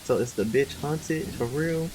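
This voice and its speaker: A man streams a horror visual novel, reading the narration aloud and tossing in loose, slangy jokes between lines. His medium-pitched voice is unhurried. Game music, rain and thunder make the background noisy.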